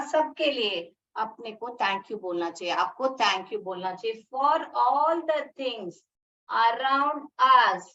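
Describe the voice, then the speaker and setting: Slow, patient woman teacher. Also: high voice, fairly bright tone, recorded from a distance, dull audio, a little hiss or hum. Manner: slow, patient, repeats words for children. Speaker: school English teacher. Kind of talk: classroom lesson addressing children.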